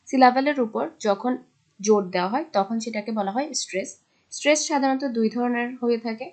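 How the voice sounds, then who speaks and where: A woman with a Bangladeshi accent, a native Bengali speaker, teaching English in a recorded lecture. She reads English lines slowly, then explains each one. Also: on the high side.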